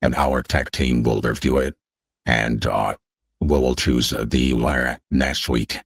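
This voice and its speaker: A man speaking through a voice changer as a podcast guest, halting with many fillers. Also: very deep voice, steady tone, creaky, slightly rough, no room sound, clean studio sound. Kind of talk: casual chat.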